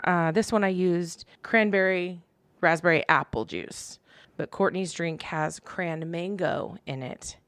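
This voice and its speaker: A woman with a hoarse, worn-out voice that is nearly gone, chatting casually as a podcast co-host. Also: on the low side, no room sound. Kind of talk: casual chat.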